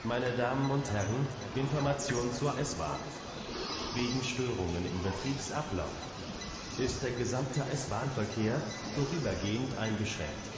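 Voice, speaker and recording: A man giving a flat, formal platform announcement in measured phrases as a railway station announcer. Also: medium pitch, close to an everyday voice. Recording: echoey station PA, loud noise.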